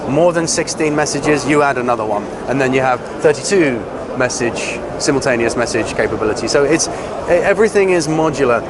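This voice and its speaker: A man with a medium-pitched voice presents technical equipment as a company representative. His delivery is informal and halting, with pauses as he explains. He is recorded amid very loud trade show floor noise. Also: lively intonation.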